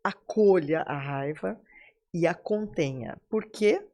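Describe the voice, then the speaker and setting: A woman's voice: on the low side, lively intonation, slow, dark tone. A woman in her seventies with a Brazilian accent, a podcast guest giving a motivational talk and addressing listeners directly. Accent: Brazilian Portuguese. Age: 70s.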